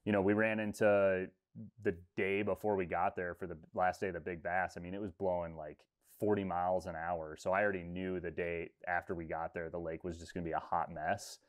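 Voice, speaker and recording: A man's voice: low voice, a little fast. A man in his thirties, a fishing guide, talking casually on a video call with lots of fillers. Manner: relaxed, rambling, many fillers. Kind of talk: casual interview talk. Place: room with textured ceiling. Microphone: video call webcam.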